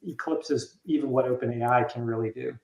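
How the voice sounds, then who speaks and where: Um homem que participa de um painel por chamada remota, com a voz ecoando, oca, como se estivesse dentro de um tubo, e expõe seus argumentos ponto a ponto. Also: male voice, medium pitch, fairly even intonation, a little fast, a little mellow. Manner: lays out points one by one. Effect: hollow echo, as if from inside a tube. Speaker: panel guest. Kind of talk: casual panel discussion. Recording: roomy echoing remote line.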